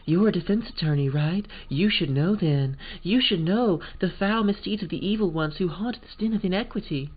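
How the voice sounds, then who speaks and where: A man's voice: high-pitched, moderate pace, hardly any pauses, phone-quality sound, pitched above the performer's own voice. A man voicing a haughty, scheming woman who sells lunches, talking in a posh, theatrical, domineering way.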